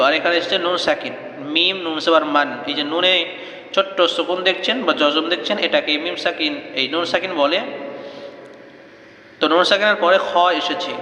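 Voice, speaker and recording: Man, high bright voice, teacher spelling out letters then drawing out sung words; reverberant room. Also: slight background noise. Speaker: Quran reading teacher. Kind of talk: Quran reading lesson, spelling out letters and chanting words. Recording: echoey room with long reverb.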